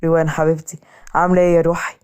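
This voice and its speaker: A gruff but loving older brother, read by a woman with an Egyptian accent. The voice sits low and moves fast. Affectionate storybook delivery. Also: level tone, a little mellow, lightly acted. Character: protective teasing older brother.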